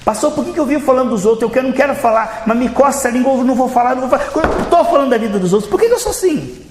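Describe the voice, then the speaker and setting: A man's voice: extremely high pitch, lively intonation, racing, background noise, pitched above the performer's own voice. A man with a Brazilian Portuguese accent voicing a fretful, irritable churchgoer complaining to the pastor in a whiny, plaintive voice. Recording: reverberant church hall.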